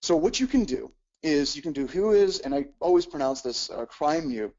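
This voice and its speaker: A man's voice: a little high, lively intonation, a little fast, a little mellow, lo-fi sound. A man teaching in a technical webcast, explaining step by step with frequent "uh"s and repeated words. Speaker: webcast instructor.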